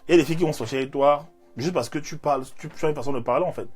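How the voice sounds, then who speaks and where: A man, giving an animated, repetitive motivational faith talk as a life coach. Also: on the high side, racing, slightly rough, soft background music. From Cameroon. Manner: animated, repeats phrases, leans on fillers.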